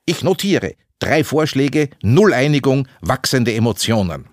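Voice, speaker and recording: A man's voice: medium pitch, big pitch swings, measured pace, no echo, voice pushed up. A man reading a story, voicing a female club secretary who speaks in short, dry, clipped phrases with a raised voice. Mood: matter-of-fact. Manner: dry, clipped note-taking.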